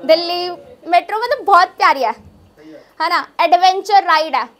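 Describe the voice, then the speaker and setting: Holding a handheld microphone, a young adult comedian delivers chatty observational stand-up on a small indoor open-mic stage, leaning on repetition for emphasis. Her voice is very high, expressive, and fairly bright, at a moderate pace.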